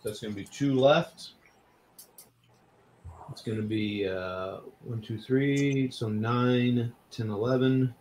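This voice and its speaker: A man's voice: mid-range voice, slow pace, a little mellow, slight background noise. A man playing a board wargame, counting out odds and dice rolls aloud in casual commentary. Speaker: wargame player.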